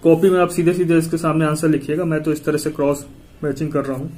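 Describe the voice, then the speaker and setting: A male tutor talks through a lesson step by step, repeating himself patiently. His voice sits somewhat high for a man, yet sounds mellow and soft-edged. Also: steady tone, quick pace, low-quality recording. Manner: patient, repetitive explaining, talking the viewer through each step. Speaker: maths tutor. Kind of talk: step-by-step maths lesson, counting digits aloud.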